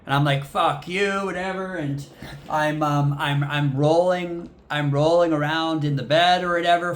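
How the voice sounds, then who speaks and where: Rambling, swearing man telling a story. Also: fairly high pitch. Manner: rambling, full of fillers and swearing. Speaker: vlogger. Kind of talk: casual storytelling to camera.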